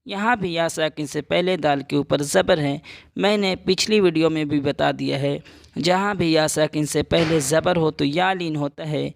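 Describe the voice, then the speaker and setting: A man teaching Quran reading as a lesson, spelling out letters slowly and drawing out each syllable, then explaining in quicker speech. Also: on the high side, gravelly, no room sound, clean studio sound. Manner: drawn-out syllable-by-syllable recitation between quicker explanations.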